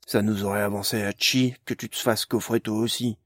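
A man voicing a big, foul-mouthed male ogre who talks gruffly, with slang and sarcasm. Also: lowish voice, steady tone, a little fast, no echo, studio quality, close to an everyday voice.

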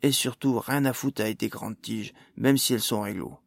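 A man's voice: on the low side, fairly even intonation, moderate pace, vocal fry, no room sound, studio quality. A man doing a harsh young dwarf gang leader. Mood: hard hostile. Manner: hard, curt, swearing. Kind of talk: audiobook character voice.

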